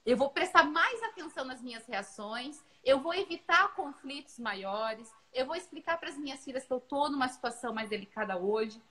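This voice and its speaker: The poor audio captures a woman whose voice sits high, talking at a moderate pace with few pauses. She's a Brazilian mother and co-host in her thirties, earnestly discussing parenting and animatedly recounting home stories.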